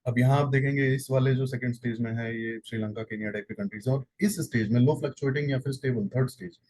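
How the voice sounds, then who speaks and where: A man's voice: medium pitch, steady tone, fast talker, darkish tone, low-quality recording. A man with an Indian accent teaching an exam-prep lecture, explaining step by step, repeating points and correcting himself with fillers. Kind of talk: exam-prep lecture in Hindi-English mix.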